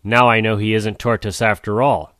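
A man's voice: lowish voice, flat delivery, normal speed, a bit bright, no echo, clean studio sound, natural voice. A man voicing a confused young male jaguar who complains in a flustered, fussy way.

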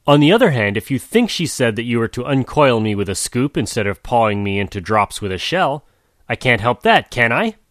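A man's voice: mid-range voice, very animated, brisk, fairly bright tone, no room sound, studio quality. A man voicing a clever male tortoise who talks in coaxing, tongue-twisting circles. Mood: sly. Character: sly, wordy male tortoise, calm and clever.

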